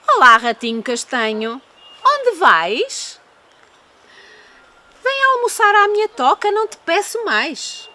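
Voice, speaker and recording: A woman's voice: extremely high pitch, big pitch swings, takes it slowly, pauses often, pushed and bright, pitched above the performer's own voice, full character voice. A woman with a European Portuguese accent voicing a sly, falsely friendly, cowardly female fox in a storybook, in a coaxing, exaggerated manner. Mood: coaxing, curious. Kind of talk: storybook character voice.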